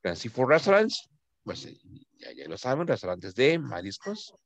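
Man teaching English, lively pitch. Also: no room sound. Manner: patient, repeats words slowly, drifts quieter at phrase ends. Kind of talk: online class teaching, mixing Spanish and English.

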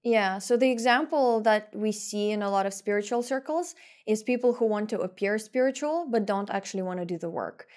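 A woman's voice: medium pitch, a little fast, few pauses, darkish tone. A woman co-hosting a casual podcast conversation, easygoing, with light laughs and fillers. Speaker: podcast co-host.

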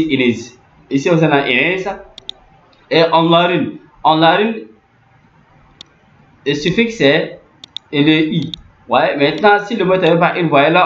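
Male teacher, slightly high voice; patient, repetitive explaining; roomy, dull lo-fi recording. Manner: repeats phrases, many fillers, muttering asides. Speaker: language teacher. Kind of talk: explaining on-screen lesson. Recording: echoey room, dull lo-fi sound.

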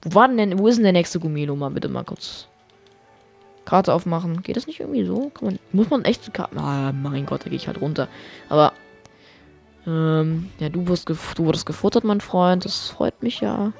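A woman giving excitable, chatty gameplay commentary as a let's play host, swearing and dropping English exclamations, her voice getting strained. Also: lowish voice, normal speed, gravelly. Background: faint game music.

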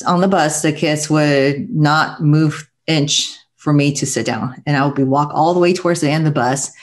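A middle-aged woman from Taiwan, a guest speaking earnestly and reflectively with soft laughs, heard over earbud mic on a video call from a home room. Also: sits low. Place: home room with bookshelves, indoors. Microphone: wired earbuds headset on video call.

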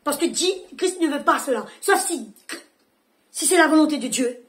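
A woman pastor preaches with fervour at a church service. Her voice sits high, and she hammers her points home by repeating short phrases. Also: lively intonation, moderate pace. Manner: emphatic, repeats phrases for effect. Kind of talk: fervent sermon.

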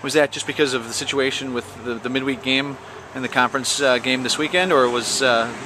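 A man interviewing a soccer coach after a game outdoors, asking halting questions with many restarts. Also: medium pitch, steady tone, noisy background.

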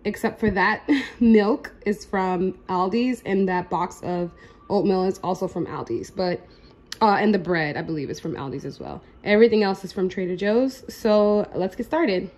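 A woman in her twenties, chatty and relaxed, walking through a meal prep in her home kitchen. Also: mid-range voice, moderate pace. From United States. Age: 20s. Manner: chatty, relaxed, lots of fillers. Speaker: lifestyle vlogger. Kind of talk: casual how-to vlog.

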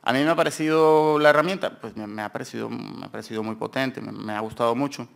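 A man's voice: medium pitch, quick pace, creaky, a bit bright. A man with a Peninsular Spanish accent giving an academic conference talk in a university seminar room, rambling informally and correcting himself as he goes. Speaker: conference speaker presenting research.

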